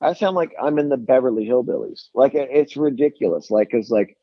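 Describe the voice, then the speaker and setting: A Tennessee man with a thick Southern accent, his voice mid-range and a little fast, phones in as a guest musician from his lakeside home. In this casual interview he tells rambling, self-mocking stories, restarting often. The recording is dry, with the highs cut off.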